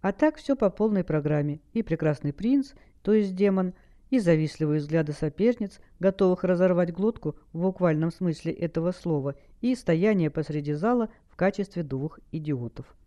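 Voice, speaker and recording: Mellow male audiobook narrator. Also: high voice, expressive, normal speed. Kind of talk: scripted narration. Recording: dull lo-fi recording.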